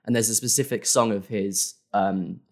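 Young guy, lowish voice, loose rambling guest chat, full of "like" and "um". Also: fairly even intonation, normal speed. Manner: rambling, many fillers and self-corrections. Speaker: guest creator. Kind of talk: casual interview.

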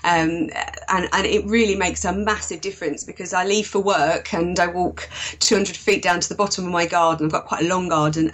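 A middle-aged woman with an Essex accent, chatting as a guest in an interview. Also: fairly low pitch. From Essex, England. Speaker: podcast guest, virtual assistant. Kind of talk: conversational interview. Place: small converted garden office. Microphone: internet call.

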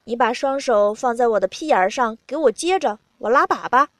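A woman reading the lines of a crude, domineering young man, giving loud, blunt commands in her own high voice. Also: sing-song, moderate pace, dry recording, clean studio sound, heavily acted. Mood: bossy.

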